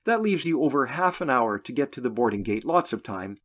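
A man voicing a polite, helpful female airport agent with a brisk customer-service manner. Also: medium pitch, expressive, a bit bright.

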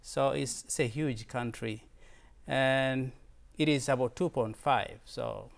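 Taking his time, this Tanzanian man in his thirties has a creaky, mid-range voice. He is a visiting fellow and native Swahili speaker with a Tanzanian accent, presenting slides informally in an earnest way, and he often repeats words and begins again.

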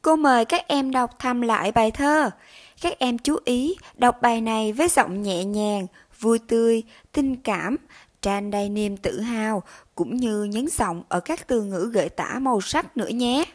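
A young woman teacher with a fairly high voice leads a children's reading lesson. She speaks slowly and deliberately, spelling out sounds with care. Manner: slow, careful enunciation of words and syllables. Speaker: primary school teacher.

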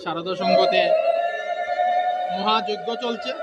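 A man's voice: sits high, takes it slowly, highs cut off, loud music behind the voice. A man doing on-the-spot field reporting as a local news reporter, announcing at a crowded outdoor festival. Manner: announcing, repeats his outlet and name.

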